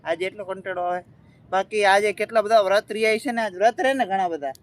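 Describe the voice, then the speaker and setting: This is a casual walking vlog by a riverfront, with a young man whose voice sits high and moves a little fast. His friend films on a phone while he chats, teases that friend, and speaks right to his audience.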